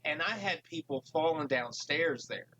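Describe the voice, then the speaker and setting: A man's voice: a little high, moderate pace, sharp tone, lo-fi sound. A man chatting casually and emphatically about his years as a haunted house actor. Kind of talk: casual chat.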